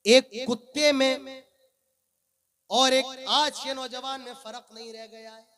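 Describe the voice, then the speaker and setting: A man in his late twenties giving an impassioned religious speech as a preacher, declaiming fervently and swelling loud on his exhortations. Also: very high voice, steady tone, slow pace. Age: 20s. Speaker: Islamic preacher.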